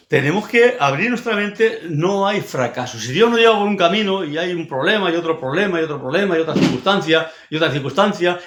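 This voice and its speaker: Emphatic Spanish preacher in an echoey hall. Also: male voice, on the high side. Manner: emphatic, repetitive, frequent tag questions. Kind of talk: sermon.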